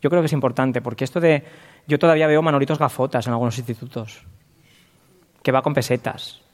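A man's voice: mid-range voice, steady tone, fairly quick. A man, a teacher, giving a thoughtful, somewhat hesitant talk to an audience. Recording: reverberant hall.

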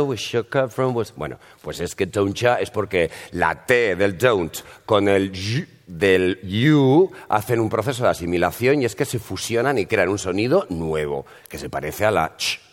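Lively male teacher in a reverberant hall. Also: lowish voice. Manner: jokey, instructive, spells sounds out. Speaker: English pronunciation teacher. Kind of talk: lively talk to an audience.

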